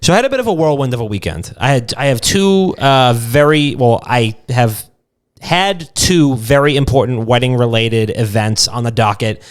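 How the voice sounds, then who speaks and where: Clear and resonant, this young man's medium-pitched voice moves at a moderate pace with lively intonation. He co-hosts a comedic podcast, spinning laid-back, profanity-filled stories and banter.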